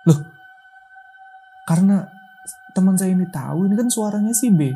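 A man's voice: sits high, expressive, normal speed, dark tone, faint music behind. A man casually telling a true horror story, checking in often to see that his listener follows. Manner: chatty, keeps checking the listener follows with filler tags. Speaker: guest storyteller.

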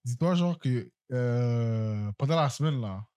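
A young man with a Quebec French accent tells a story on a casual podcast, loud and animated, with English slang mixed in. His voice sits at a middle pitch and sounds close and dry, with no room echo. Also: takes it slowly, smooth. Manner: loud-spoken. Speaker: podcast co-host. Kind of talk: casual chat.

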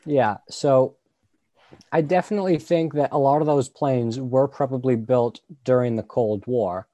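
A man's voice: mid-range voice, dark tone, no room sound. A young man talking casually in a group discussion, using lots of "like" and fillers. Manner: casual, filler-heavy, says "like" often.

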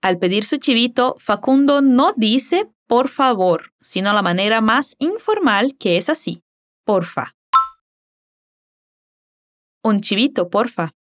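A woman whose first language is Portuguese leads a Spanish lesson with a fairly high, very lively voice that rises and falls widely. She models each word slowly and carefully, then asks the listener to repeat after her. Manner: slow, careful modeling of words. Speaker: Spanish teacher.

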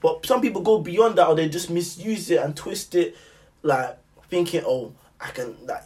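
A young man with a London roadman accent and a fairly high voice, heard a little away from the mic. He thinks aloud in slangy casual conversation, circling back over his phrases. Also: moderate pace, darkish tone, distant mic. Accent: London, urban roadman slang. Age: young adult. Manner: slangy, musing, repeats phrases. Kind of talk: casual chat.

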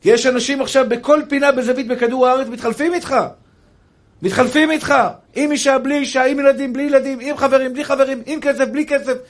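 A young male rabbi delivers a fervent sermon in a notably high voice. He pleads and scolds his listeners and keeps calling each of them brother. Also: fairly even intonation. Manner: impassioned preaching, addressing listeners as brother.

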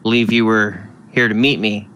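A man's voice: lowish voice, fairly even intonation, moderate pace, sharp tone, rough recording. A man narrating a tabletop game as game master. He explains the setting in a casual way.

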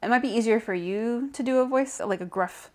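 Here the co-host's voice is fairly high but darkish in tone, and she talks fairly quickly. It's a relaxed, thoughtful podcast conversation about character voices in tabletop games, full of easy laughter.

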